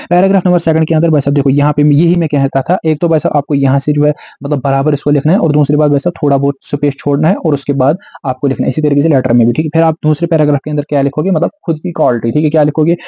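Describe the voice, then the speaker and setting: A young man in the role of a tutor, speaking quickly and with energy, breaking off every few words to check that his students are following. His voice is very dark and a little husky, set slightly high for a man. The recording is dull and lo-fi, with a dry, close sound. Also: no room sound. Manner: repeats "theek hai" and "bhai sahab", slows down to dictate English phrases. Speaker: teacher. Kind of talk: exam-prep lecture.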